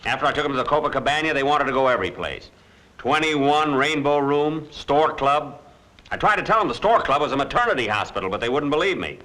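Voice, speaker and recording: An American actor playing a broke, dithering lawyer in 1940s screwball comedy banter, dry and stammering. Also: male voice, mid-range voice, lively intonation, fairly quick, sharp tone, poor audio. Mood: dry, wry. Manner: dry wisecracking, flustered stammering. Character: broke, dithering male lawyer, putting on a brave front. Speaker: lead film actor.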